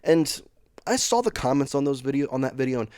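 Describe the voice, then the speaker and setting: A man hosts a sports news channel and talks to his viewers in a loose, opinionated way. His voice sits at a middle pitch and rushes ahead in quick bursts. The recording is dry and close, with no room sound. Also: big pitch swings, darkish tone, clear, resonant tone, dry recording. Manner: chatty, opinionated, speeds up in bursts. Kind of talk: casual sports commentary vlog.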